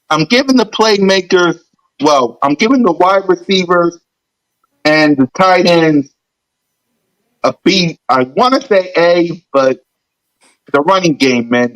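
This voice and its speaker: A man co-hosting a casual sports podcast, talking football in an animated, mocking way that slows to a drawl at times. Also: high-pitched, rough recording. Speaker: podcast co-host.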